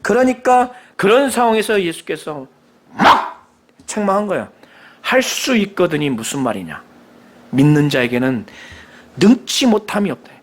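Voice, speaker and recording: A middle-aged man preaches with fervor in a fairly high voice. His pitch swings widely from line to line, and he briefly takes on the voices of the people in the story. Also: big pitch swings, moderate pace. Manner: impassioned, acts out Jesus and the father in quoted lines. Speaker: pastor. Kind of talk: sermon.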